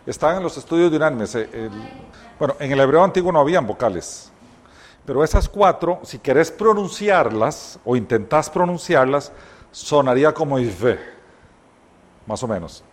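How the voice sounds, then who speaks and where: Guy giving a bible study lesson, kinda higher voice, explains things step by step. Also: lively intonation, moderate pace. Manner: explanatory, retells scripture scenes with voiced dialogue; occasional self-corrections. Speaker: Bible teacher.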